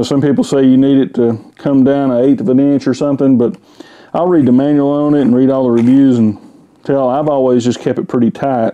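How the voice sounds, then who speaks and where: A man with a warm, mid-range voice reviews a chainsaw in his home garage. He talks in a rambling, folksy way with fillers, and the sound comes from a camera-mounted mic.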